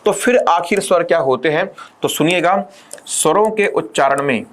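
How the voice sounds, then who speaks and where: This exam-prep lecture comes from a male teacher whose voice runs on the high side; he constantly asks the class rhetorical questions and eases off the pace to dictate definitions.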